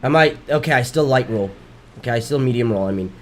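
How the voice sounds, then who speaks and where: Chatting loosely as he streams a video game, this man talks fast in a mid-range voice. Daily streaming has worn his voice and he is losing it, and he rambles on, correcting himself along the way.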